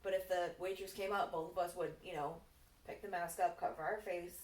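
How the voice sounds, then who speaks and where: Rambling stoned young woman in an echoey room. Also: a little fast. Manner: rambling, relaxed, tipsy-high stoner talk with frequent swearing. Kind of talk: casual chat, Q&A. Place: indoors, on a couch. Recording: echoey room, distant mic, faint noise.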